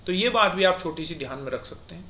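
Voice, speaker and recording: Guy teaching grammar, bright forceful voice, a bit high, patient, keeps checking u get it, faint hiss. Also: lively intonation, fast. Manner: explains patiently, checks often for understanding. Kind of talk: explaining a grammar lesson.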